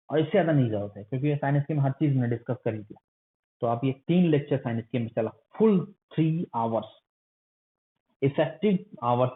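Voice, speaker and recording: Man lecturing over a tinny lo-fi line. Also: mid-range voice. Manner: coaxing, scolding students like a strict elder. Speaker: math teacher. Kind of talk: online lecture. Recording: phone-like lo-fi recording.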